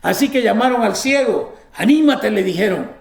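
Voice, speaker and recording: A man's voice: very high-pitched, slow pace, echoey room. A man preaching a sermon, reading scripture aloud and breaking in with emphatic exclamations.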